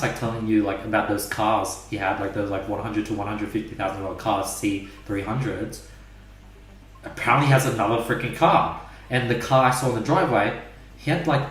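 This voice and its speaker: A man's voice: lowish voice, a bit bright. Rambling young man in an echoey room. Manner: rambling, many "like" fillers. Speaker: podcast host. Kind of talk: casual storytelling chat. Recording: roomy echo, mic at a distance.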